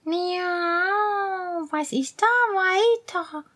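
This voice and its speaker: A woman's voice: extremely high pitch, fairly bright tone, voice pushed up, exaggerated voice. Woman doing a sly greedy meowing cat. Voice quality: meowing, purring. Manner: drawn-out, scheming delivery.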